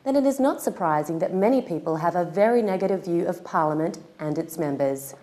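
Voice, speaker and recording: A woman giving scripted documentary narration in a measured, explanatory way. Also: lowish voice, lively intonation, warm tone.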